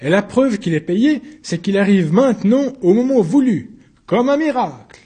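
A man voicing a desperate accused man on trial who shouts and pleads in his own defense. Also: high-pitched, expressive, unhurried, slightly rough, voice pushed up, exaggerated voice. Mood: frantic.

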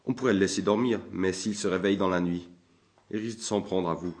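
A man's voice: sits low, fairly even intonation, fast talker. A man voicing a timid, worried village barber who complains anxiously, in a storybook reading.

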